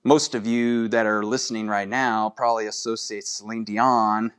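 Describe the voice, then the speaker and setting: A man's voice: fairly low pitch, little pitch movement, moderate pace, a bit bright, clear, resonant tone. A man hosting a casual solo show of fan trivia, chatty and putting questions straight to his listeners. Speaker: podcast host.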